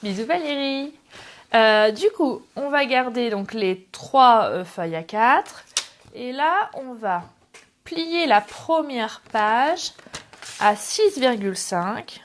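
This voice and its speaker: Recorded on a camera on a tripod with a bit of hiss or hum, a middle-aged woman runs a casual live craft tutorial. Her voice sits on the high side and is animated but slow. She chats, greets viewers by name between steps and tosses in self-deprecating remarks.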